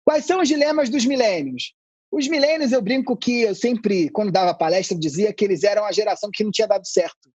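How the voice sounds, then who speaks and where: A man who is an anthropologist, a guest on a podcast, explaining ideas in a relaxed, conversational way with playful asides. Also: high voice, fast, slightly rough, dry recording, muffled recording.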